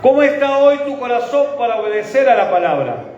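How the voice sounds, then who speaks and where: A man's voice: very high-pitched, sing-song, brisk, a little mellow. A man with a Rioplatense Spanish accent, a pastor preaching a sermon and leading his congregation in call-and-response. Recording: echoey hall, dull sound.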